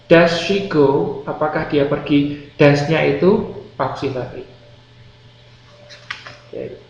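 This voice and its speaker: A man's voice: a little high, slow, darkish tone. A man teaching an English grammar class, explaining patiently, repeating key words and quizzing his students. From Indonesia. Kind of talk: classroom lecture. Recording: roomy classroom, dull lo-fi sound, faint noise.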